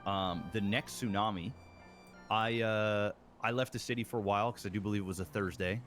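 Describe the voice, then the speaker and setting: A man's voice: fairly low pitch, steady tone, a little fast, a bit bright, faint music behind. Rambling man retelling a story. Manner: rambling retelling, full of ums and uhs, acts out quoted lines. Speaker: roleplay gang member. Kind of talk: in-character roleplay storytelling.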